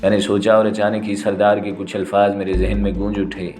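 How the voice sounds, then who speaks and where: Low-voiced male audio-novel narrator. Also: little pitch movement, darkish tone, faint music behind.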